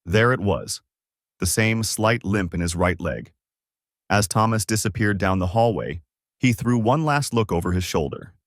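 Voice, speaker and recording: Telling a tense, dramatic tale from a script, a man with a fairly low voice sounds solemn, animated and suspenseful at a normal speed. The recording is very dry and close, with no room sound.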